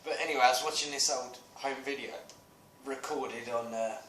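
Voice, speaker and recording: A British man in his thirties co-hosting a podcast, chatting casually and telling animated stories with plenty of swearing. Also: medium pitch, normal speed, echoey room, far from the mic, heavy background noise. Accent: British English. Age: 30s. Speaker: podcast co-host. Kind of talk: casual chat.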